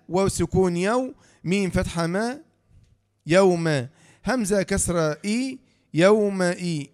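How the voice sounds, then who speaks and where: A man with an Egyptian accent teaching Quran recitation rules, quizzing himself and answering, spelling words letter by letter. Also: high voice. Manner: asks rhetorical questions and answers them himself. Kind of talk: tajweed lesson explaining rules from a book.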